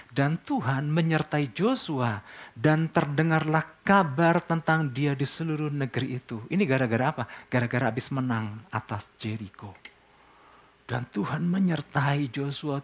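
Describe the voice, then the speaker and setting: Pastor preaching conversationally. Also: male voice, medium pitch. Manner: conversational preaching, asks the congregation questions and answers them. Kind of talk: sermon.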